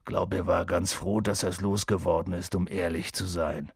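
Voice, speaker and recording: A man voicing a big, gruff and kindly half-giant groundskeeper in an audiobook, rambling and hesitant with ums. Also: sits low, level tone, moderate pace, dry recording, studio quality, voice pushed down, exaggerated voice. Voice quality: gravelly, husky. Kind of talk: audiobook character voice.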